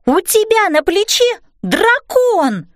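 A woman reading a storybook aloud voices an excited seven-year-old girl who pleads and exclaims. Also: very high voice, moderate pace, no echo, studio quality, voice pushed up. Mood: eager.

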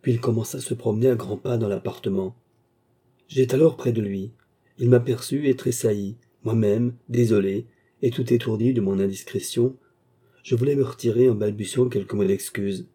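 A man reading a classic short story aloud as an audiobook narrator, measured and even. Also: medium pitch, husky. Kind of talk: scripted narration of classic fiction.

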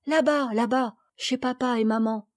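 A woman's voice: steady tone, normal speed, a little mellow, no echo, clean studio sound, close to an everyday voice. A woman voicing a small, trusting little girl who speaks in baby talk. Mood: innocent. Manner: baby talk, high and tender.

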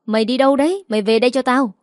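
A woman's voice: on the high side, racing, dry recording, clean studio sound, pitched above the performer's own voice, close to an everyday voice. A woman voicing a drunken, angry middle-aged father who scolds harshly in a story reading.

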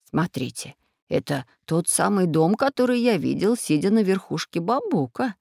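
Woman doing a breathy old professor. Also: sing-song, normal speed, darkish tone, no echo, clean studio sound, exaggerated voice. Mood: musing. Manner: low and breathy. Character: fussy elderly male professor geographer.

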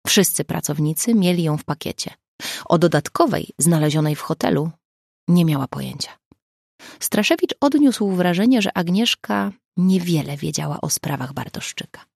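A woman narrating a crime novel audiobook in a measured, even storytelling manner, close to the mic. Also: fairly low pitch, creaky, dry recording. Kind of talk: scripted narration.

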